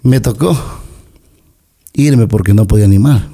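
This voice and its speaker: Speaking at normal speed in a low, mellow voice, a middle-aged man from Latin America shares anecdotes as a guest on a podcast. He keeps it conversational and performs the dialogue he quotes.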